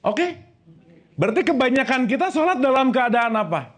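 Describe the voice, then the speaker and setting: A man preaching a lively sermon to a live audience, joking and quizzing them with questions. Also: very high voice, moderate pace. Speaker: Islamic preacher.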